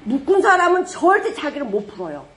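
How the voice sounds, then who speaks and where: Woman pastor with a higher-pitched voice, lively sermon storyteller who breaks into booming dramatic quotes. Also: brisk, a crowd in the background. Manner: lively storytelling, rhetorical questions, sudden loud dramatic quotes.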